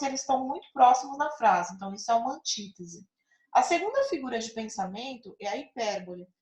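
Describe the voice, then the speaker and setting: A woman's voice: fairly high pitch, darkish tone, echoey room. A woman teacher patiently explaining figures of speech, often checking in with her listeners. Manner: patient, checks in with frequent tag questions. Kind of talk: explaining a grammar lesson.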